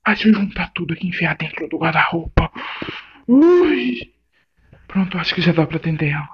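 A flustered, hot-headed young guy, voiced by a man in an amateur voice drama. He curses loudly, then quickly turns polite. The audio is a little muffled and lo-fi. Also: sits high, expressive. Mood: panicked.

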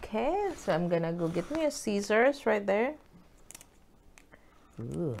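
A woman hosting a casual eating vlog, chatty and excited, with drawn-out exclamations between bites. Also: mid-range voice, gravelly, a little hiss or hum. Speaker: mukbang vlogger.

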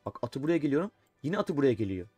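A man's voice: mid-range voice, big pitch swings, fast, a little mellow, slightly rough, dry recording, soft background music. A man streaming a live chess game, thinking aloud and talking to his chat, often exasperated. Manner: talks to himself and chat while playing, exasperated.

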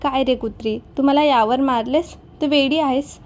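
A woman reading the lines of a teasing, dramatic young bride-to-be in a storybook tale, with a playful voice that is quick to shout. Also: high-pitched, steady tone, lightly acted. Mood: excited.

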